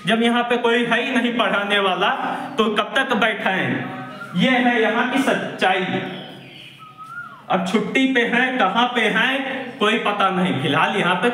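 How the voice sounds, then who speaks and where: A man, a social activist, reporting indignantly and emphatically while walking around a village primary school, speaking loudly to the camera. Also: high voice, measured pace, reverberant, a little hiss or hum. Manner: indignant, emphatic, loud denunciation. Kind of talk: on-the-spot investigative video report.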